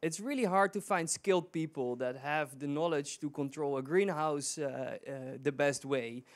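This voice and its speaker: A man with a fairly high voice presents a live online event. He talks off the cuff and halts often, restarting his sentences as he goes. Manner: halting, many fillers and restarts. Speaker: presenter of the challenge.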